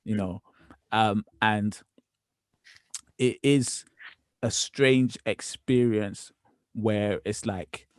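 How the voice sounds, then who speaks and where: A man in his twenties hosting a casual podcast chat, relaxed and easygoing, with frequent ums. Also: lowish voice, extremely slow, pauses often, no echo. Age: 20s. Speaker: podcast host.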